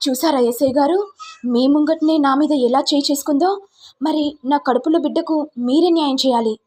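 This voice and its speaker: A woman's voice: high-pitched, darkish tone, pitched above the performer's own voice, natural voice. A woman voicing a manipulative young woman who insists a man must marry her. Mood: accusing. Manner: insistent, quick.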